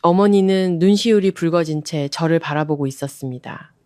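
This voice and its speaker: A woman narrating a radio drama story in a calm, firm, measured way. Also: sits low, no room sound, clean studio sound.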